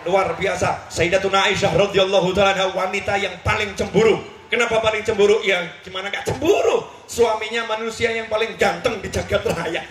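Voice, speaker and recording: High-voiced preacher joking with his congregation. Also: reverberant, a little hiss or hum. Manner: playful, teasing the audience, animated asides. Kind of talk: humorous religious sermon to a live audience.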